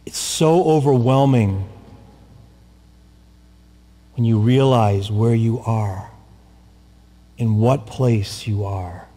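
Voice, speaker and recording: An older priest delivers a sermon in a dark, mid-range voice, slow, solemn, and deliberate, with long pauses and repetition. He speaks from the pulpit of a large church. Long reverb marks the audio, captured by a pulpit mic and a camera set far back.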